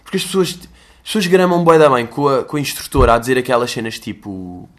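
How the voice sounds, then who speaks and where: A man's voice: medium pitch, lively intonation, fast talker. A young man with a European Portuguese accent, hosting a casual solo podcast in a rambling, self-mocking way with plenty of swearing. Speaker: podcast host.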